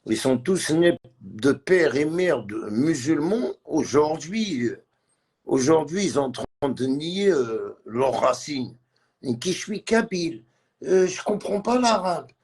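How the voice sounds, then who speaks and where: Agitated husky-voiced man ranting. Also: on the high side, sing-song, slow, darkish tone. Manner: agitated, repetitive, mixes French with Arabic and Kabyle. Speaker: livestreamer. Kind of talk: heated live-stream rant.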